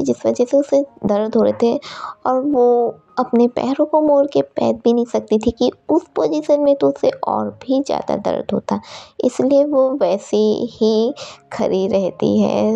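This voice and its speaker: A woman narrates a fan-fiction story in a casual, relaxed way, dropping in English words as she goes. Her voice is heavily gravelly with a dark, mellow tone. The recording sounds dull and lo-fi. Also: on the high side.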